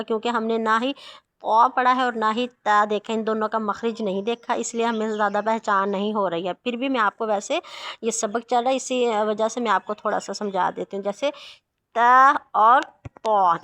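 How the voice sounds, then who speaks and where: A woman with a slightly high voice teaches Quran reading. She chants letter sounds at a slow drilling pace, then explains patiently and reassures her students again and again. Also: a bit bright, no echo. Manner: patient, reassuring, repeats "theek hai".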